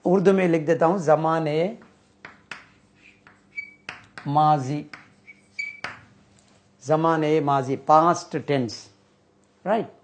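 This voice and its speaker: Slow man teaching grammar. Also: on the high side, fairly even intonation, slight background noise. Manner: slow, repeats and spells out terms while writing. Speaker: English teacher. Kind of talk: whiteboard grammar lesson.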